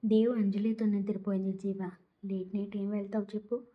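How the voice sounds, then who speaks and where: A woman voicing a calm young woman who speaks in a plain, reassuring way. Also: medium pitch, fairly quick, phone-quality sound, natural voice.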